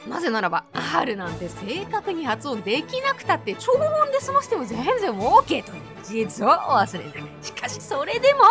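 A woman whose first language is Korean, teaching pronunciation in a theatrical, formally phrased lesson monologue. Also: high voice. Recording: faint background music.

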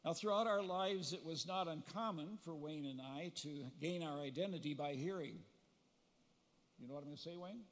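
An older man stands at a podium microphone giving a eulogy for his brother. His voice sits a little high for a man, and he tells family anecdotes with gentle humor, pausing now and then to recall details. Long reverb from the large funeral hall trails behind each phrase. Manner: reminiscing storyteller, gentle humor, pauses to recall.

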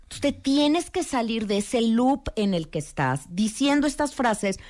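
A middle-aged woman with a Mexican accent, speaking as a guest expert on a radio talk show, animated and storytelling, addressing listeners directly. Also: a little high, measured pace. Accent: Mexican Spanish.

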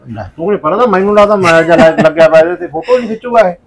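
A man's voice: high-pitched, rapid-fire, crowd noise, close to an everyday voice. A middle-aged man, playing a stern village father who lectures his wife. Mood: lecturing. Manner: lecturing, complaining husband. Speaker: father of a college girl. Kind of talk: village family drama acting. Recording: slightly dull lo-fi recording.

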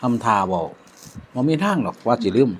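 A man's voice: fairly low pitch, very animated, fairly quick, breathy edge. A man with an Isan accent chatting reflectively over a meal, using many polite particles. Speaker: vlogger. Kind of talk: casual chat over a meal.

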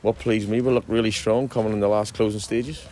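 Male football manager, 40s, low voice; loose post-match chat outdoors, lots of restarts. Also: level tone, brisk, dark tone. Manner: chatty, frequent restarts and fillers. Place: outdoors at a football ground at night.

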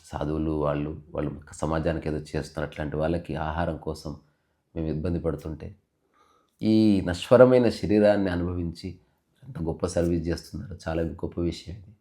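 A man voicing a calm, saintly male poet who speaks gently and reverently. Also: medium pitch, a little fast, long pauses, close to an everyday voice. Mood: serene.

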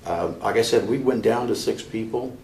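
An older man, a guest in an interview, telling stories in a halting way with many restarts. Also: lowish voice, gravelly, darkish tone, echoey room. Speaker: interview guest, chapter member. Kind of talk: conversational storytelling.

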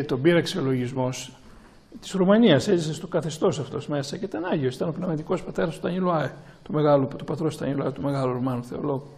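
A male priest giving a sermon to a gathering and taking questions, speaking slowly and haltingly with many restarts and repeated words. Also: a little high, a little mellow.

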